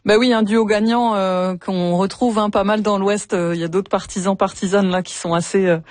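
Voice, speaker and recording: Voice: mid-range voice, steady tone, moderate pace, no echo. A radio host interviewing a guest and leading into a music segment.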